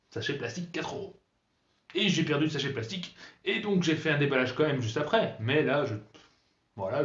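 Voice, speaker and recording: A tech reviewer unboxes a cheap gadget in a casual, joking way, with frequent hesitations and fillers. His voice is fairly high with a breathy edge, and the audio sounds dull.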